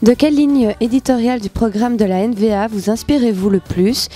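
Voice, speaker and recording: A woman interviewer putting formal, polite questions to her guest. Her voice is somewhat high and mellow, and faint music sits underneath. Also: brisk.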